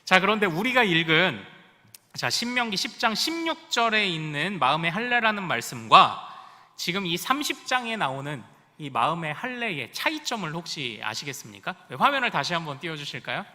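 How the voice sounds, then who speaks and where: A man's voice: fairly high pitch, very animated, moderate pace, sharp tone, big-room sound. A male pastor preaching a sermon in a church sanctuary, with rising emphasis and questions put to the congregation. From Korea.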